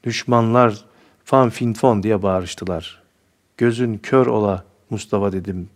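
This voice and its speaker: A man's voice: lowish voice, unhurried, lightly acted. A man voicing a cheeky rustic young soldier. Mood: spirited. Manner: rustic folksy speech, boastful storytelling.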